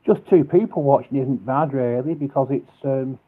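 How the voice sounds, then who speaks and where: Halting man on a tinny line. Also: medium pitch. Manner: halting, repeats words often. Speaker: live stream host. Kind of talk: casual live stream chat. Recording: tinny phone-like sound.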